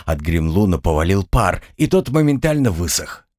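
A man narrates an audiobook in a fairly low voice that moves widely up and down. He tells the story in a steady, expressive way. The sound is close and dry. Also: normal speed, no room sound. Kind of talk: scripted narration.

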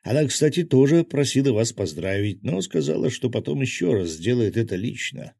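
A man's voice: medium pitch, very animated, moderate pace, vocal fry, warm tone, husky, no room sound, studio quality, voice pushed up, full character voice. Man voicing a chatty fisherman. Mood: reassuring. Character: cheerful male fisherman and brewer.

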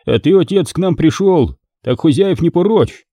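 A man voicing a burly, good-natured village blacksmith who booms and placates. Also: lively intonation, moderate pace, dark tone, no echo, studio quality. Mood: placating. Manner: booming, placating.

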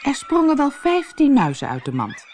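A woman narrating a children's fairy tale audiobook in a lively, expressive way. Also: high voice, normal speed, slight background noise. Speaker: storyteller.

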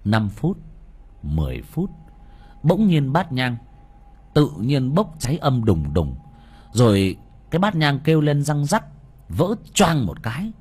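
A man narrating a ghost story in a dramatic, animated way. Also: medium pitch, a little slow, long pauses, breathy edge.

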